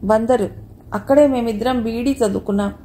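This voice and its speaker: A woman voicing a gentle, cautious young bride-to-be in an audiobook story, speaking softly and politely. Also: on the high side, fairly quick, a little hiss or hum, close to an everyday voice. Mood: earnest.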